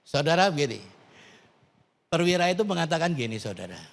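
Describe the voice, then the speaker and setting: A man's voice: on the high side, very animated, unhurried, gravelly. A man preaching a sermon as pastor, calling out to the congregation with rising, emphatic questions. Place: large church hall. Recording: long hall reverb.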